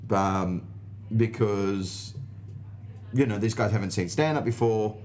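Speaking slowly in a lowish, darkish voice, this Australian comedian spins animated anecdotes during an interview. He keeps it casual but emphatic, swears freely, and performs the lines of dialogue himself.

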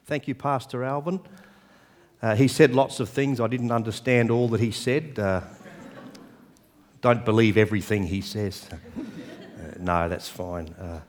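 An older man with an Australian accent, preaching as a guest pastor in short phrases that leave pauses for an interpreter, with light humour. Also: mid-range voice. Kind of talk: sermon with live interpreter. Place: church sanctuary. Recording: reverberant church hall.

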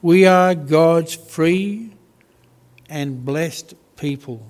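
A man preaching a sermon as a priest, reading scripture slowly and deliberately with pauses. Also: on the high side, a little mellow.

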